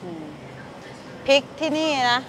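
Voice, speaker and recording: Taking it slowly, a chatty, excitable woman in her thirties vlogs casually as she walks a grocery store and samples food in her parked car, talking straight to her viewers. The rough phone recording, made at arm's length, has a little hiss or hum and background music underneath.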